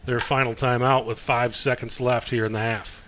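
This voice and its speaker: Bright-voiced play-by-play man. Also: mid-range voice, moderate pace, a little hiss or hum. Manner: relaxed, chatty, rises with the action. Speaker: play-by-play announcer. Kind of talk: live sports commentary.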